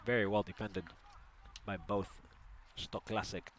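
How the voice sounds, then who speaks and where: A man's voice: on the low side, fairly even intonation, a little slow, fairly bright tone. A man doing live play-by-play commentary, chatty and partisan, joking with listeners as the action unfolds.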